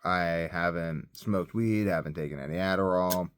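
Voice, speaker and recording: Speaking at a moderate pace in a deep, smooth voice, this man talks casually in a rambling video diary and repeats phrases to emphasize them. He's a parent and a health vlogger who experiments on himself, recorded on a nearby phone.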